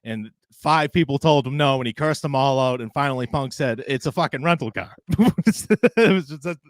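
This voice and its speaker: A man's voice: mid-range voice, expressive, moderate pace, no room sound, clean studio sound. A man co-hosting a casual wrestling podcast, retelling a story and laughing often. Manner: recounts stories, laughing often. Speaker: podcast co-host.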